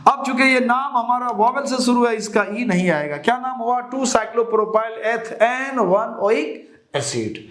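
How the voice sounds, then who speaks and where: A man's voice: extremely high pitch, moderate pace, a bit bright. A man teaching chemistry to students in a lecture, asking rhetorical questions, repeating the answers and calling his students children. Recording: echoey room.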